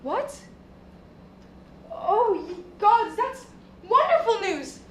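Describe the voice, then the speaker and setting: Girl playing a sharp-tongued old grandmother. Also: very high-pitched, sing-song, extremely slow, exaggerated voice. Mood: scolding. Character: fierce protective old grandmother. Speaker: student actor. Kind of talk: school stage play. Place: school stage or hall. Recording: echoey hall, faint noise.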